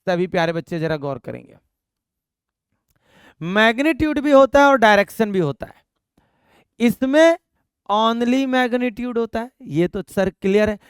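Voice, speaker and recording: A young man teaching a physics lecture to students, animated, repeating points and asking and answering his own questions. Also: high-pitched, clear, resonant tone, dry recording, clean studio sound. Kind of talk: classroom lecture.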